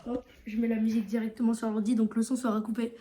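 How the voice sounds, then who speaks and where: A young man co-hosting a casual vlog, playful and excitable. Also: extremely high pitch, racing, a little hiss or hum. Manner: playful, excitable, gets loud opening packs. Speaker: vlog co-host. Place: bathroom.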